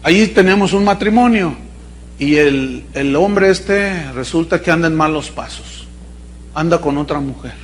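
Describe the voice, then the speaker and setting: High-voiced Mexican preacher telling a story. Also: male voice, measured pace, a little hiss or hum. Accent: Mexican Spanish. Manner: chatty, storytelling, asks "¿no?" often. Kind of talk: sermon.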